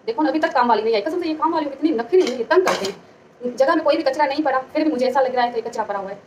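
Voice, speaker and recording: Young woman, fast chatty vlog talk, highish voice, clattering dishes behind. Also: far from the mic. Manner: quick, chatty, talks fast by her own account. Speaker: vlogger. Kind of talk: casual vlog chat. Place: home kitchen with dishes about. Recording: home video with noisy background.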